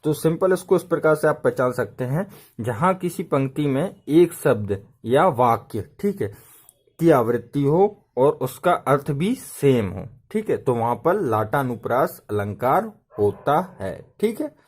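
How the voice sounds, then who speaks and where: A man's voice: animated, unhurried, a little mellow, husky. A man teaching an exam-prep grammar lesson, often checking in with a rising "okay?". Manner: repeats "ठीक है" with a rising pitch to check the class is following.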